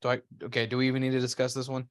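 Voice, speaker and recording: Guy on a podcast, quick blunt takes, slangy, plain middle pitch, dry close mic. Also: monotone, dry recording. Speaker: podcast co-host. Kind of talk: casual chat.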